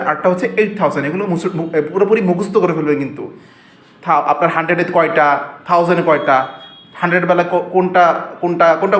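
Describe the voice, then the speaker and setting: A man with a high-pitched voice teaches a video lesson. He goes over each point more than once, restarts his sentences and keeps asking whether his viewers follow. The recording carries a noticeable room echo. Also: fairly bright tone. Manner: repeats points, frequent fillers and restarts, checks understanding. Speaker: Japanese language teacher.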